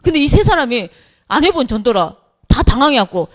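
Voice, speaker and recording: A middle-aged woman, a pastor's wife, telling a humorous church testimony with lively storytelling, acting out what others said. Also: sits high, fairly quick. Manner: lively storytelling, acts out quotes, laughs often.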